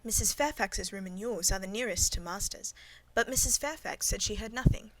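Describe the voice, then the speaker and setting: A woman reading the part of a guarded, composed middle-aged servant woman, speaking calmly and demurely in a storybook. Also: mid-range voice, a little fast, a little hiss or hum, lightly acted, low-quality recording.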